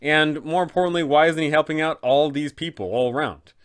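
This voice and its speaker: Rhetorical questions pepper this conversational advice guide for tabletop game masters, hosted by a man who is a GM himself. His voice is fairly high and clean, and he talks a little fast.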